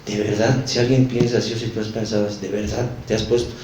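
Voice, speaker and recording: A man's voice: on the low side, little pitch movement, fast, noisy background. A man with a Mexican accent teaching a Bible study, earnest and confessional, speaking straight to the listener. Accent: Mexican Spanish. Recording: roomy echo.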